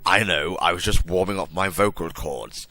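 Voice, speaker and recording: A man's voice: deep voice, normal speed, bright, forceful tone, no room sound. A man voicing a dramatic, earnest and indignant male character in a hammy, declamatory story reading.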